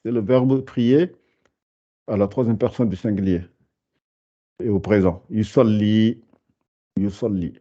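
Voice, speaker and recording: A man teaching a beginner lesson over a video call, patient, hesitant and full of fillers, drawing out syllables slowly. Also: fairly low pitch, mellow, breathy edge, lo-fi sound. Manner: hesitant, many fillers and restarts. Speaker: Arabic teacher.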